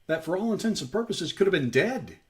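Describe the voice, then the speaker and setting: Brisk and high-voiced, this host of a daily scripture stream talks through a parable as if chatting with friends. The Bible study is animated and casual, dotted with frequent "you know"s.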